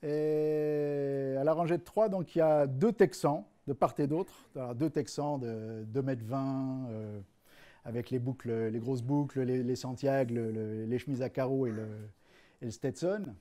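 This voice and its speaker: A man's voice: mid-range voice, a little slow, dark tone. A man telling jokes on stage in a stand-up show, with hesitant fillers and restarts. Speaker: comedian.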